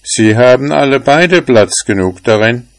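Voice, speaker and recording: Big house dog, voiced by a man, grumbling, slow, dry. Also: medium pitch, animated, no echo, voice pushed up. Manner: grumbling, then agreeable.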